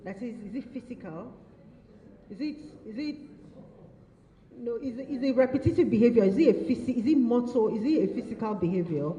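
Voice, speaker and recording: A woman leads a training session. She is heard in a roomy hall with a long echo. Her voice is fairly high and mellow, and the recording sounds dull and lo-fi. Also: lively intonation, fairly quick. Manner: repeats and affirms audience answers, playful teasing. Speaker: workshop facilitator.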